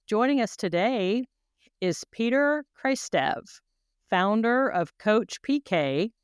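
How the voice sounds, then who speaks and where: A woman's voice: mid-range voice, clear, resonant tone, no room sound, studio quality. A woman hosting a podcast interview, effusive and asking long run-on questions. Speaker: podcast host.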